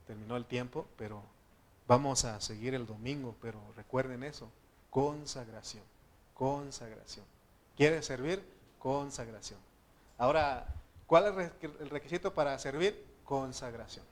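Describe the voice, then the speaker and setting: A man's voice: medium pitch, a little hiss or hum. A man with a Mexican Spanish accent, a pastor giving a conversational sermon with anecdotes and then praying fervently. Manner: conversational preaching with anecdotes, rising to fervent prayer. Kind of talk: sermon with closing prayer.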